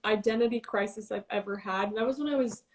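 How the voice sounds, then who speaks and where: A young woman chatting on a live video call, eager and agreeable, quick to chime in. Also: mid-range voice, fairly even intonation, slight background noise. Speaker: livestream co-host. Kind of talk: casual chat.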